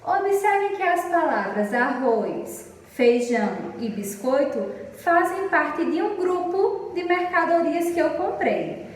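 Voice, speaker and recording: Brief: Brazilian woman teacher, high voice, fond and didactic with young pupils, recorded from a distance in a reverberant room. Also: animated. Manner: affectionate, slow and didactic, stretching example sentences. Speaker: primary school teacher. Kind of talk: recorded remote lesson for children. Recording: echoey room, distant mic, faint noise.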